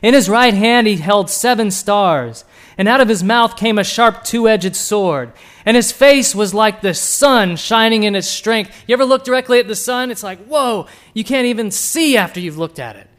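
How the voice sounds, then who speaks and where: High-voiced man preaching a sermon. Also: moderate pace. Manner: swings between hushed and emphatic; asks the listeners direct questions.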